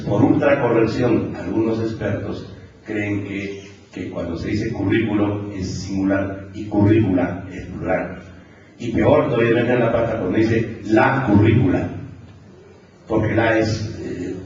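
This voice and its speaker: A man's voice: fairly low pitch, darkish tone, slight background noise. A man with a Peruvian accent giving a university conference lecture, explaining step by step and often checking in with the audience. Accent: Peruvian Spanish. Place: large lecture hall. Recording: echoey hall, far off, dull lo-fi.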